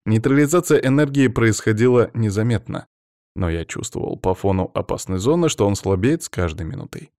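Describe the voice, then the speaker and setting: A man reading an audiobook as narrator, in steady, measured first-person storytelling. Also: on the low side, dry recording, studio quality.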